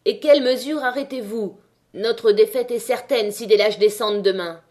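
A woman voicing a male miner who leads a strike, addressing a crowd with rousing, forceful speech in an audiobook reading. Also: a little high, moderate pace, lightly acted. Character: male miner, strike leader, fiery orator.

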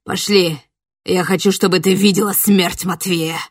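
Woman putting on a creepy spirit guy pretending to be a boyfriend, low voice, husky, sweet-talking then snarling, audiobook horror. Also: steady tone, a little slow, no echo, studio quality. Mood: snarling rage. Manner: soft and eerily gentle, then snarling. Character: menacing wish-granting spirit posing as young man. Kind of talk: audiobook character voice.

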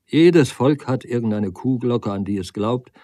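A man's voice: mid-range voice, a little slow, warm tone, dry recording, clean studio sound, pitched above the performer's own voice, natural voice. A man reading the lines of an intense young man who argues with fervent conviction in a storybook. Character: intense young man, earnest wandering philosopher.

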